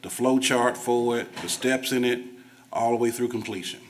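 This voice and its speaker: A man's voice: medium pitch, moderate pace. A man with a Southern US accent, a district staff member answering board questions in a folksy, apologetic, conversational way. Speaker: school district staff presenter. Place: school board meeting room.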